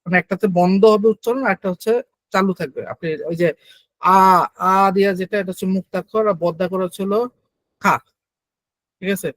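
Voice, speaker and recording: Young male tutor, high-pitched, dry close mic, patient step-by-step lecture delivery. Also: steady tone, rapid-fire, dry recording, low-quality recording. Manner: explains step by step, keeps checking in. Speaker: teacher. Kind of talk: exam-prep lecture.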